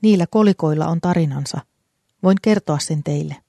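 A reader voicing an old grieving man who speaks softly but firmly in an audiobook. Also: medium pitch, gravelly, no room sound, clean studio sound. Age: older. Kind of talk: audiobook character voice.

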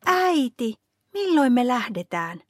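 A woman voicing a small preschool boy who is eager and quick to sulk, in a storybook reading. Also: sits high, big pitch swings, a bit bright, dry recording, voice pushed up.

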